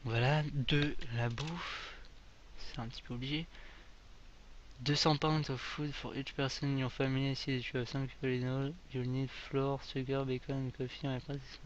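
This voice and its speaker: A man's voice: mid-range voice, little pitch movement, unhurried, lo-fi sound, a little hiss or hum. A young man casually commenting on a game as he plays, joking and reading the English on-screen text aloud. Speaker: gaming video creator. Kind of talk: casual let's play commentary.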